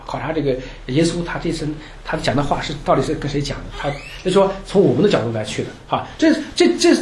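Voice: medium pitch, a little hiss or hum. A Bible study teacher giving an informal class to a group, chatty and joking, often laughing and restarting sentences. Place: church meeting room with a group. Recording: roomy room echo.

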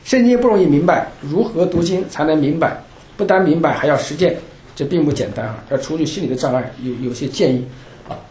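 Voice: medium pitch, fairly quick, a little mellow, slight background noise. A Bible study teacher giving an informal class to a group, chatty and joking, often laughing and restarting sentences. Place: church meeting room with a group. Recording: roomy room echo.

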